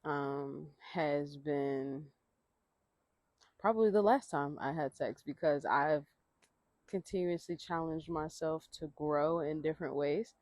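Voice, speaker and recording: A podcast host talks off the cuff while sitting outdoors, wandering from thought to thought. The delivery is chatty and slangy, with easy little laughs between points. The pitch sits in a middle range, and the voice comes through dry with no room around it. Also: slow pace, a little mellow, no echo. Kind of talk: casual solo podcast talk.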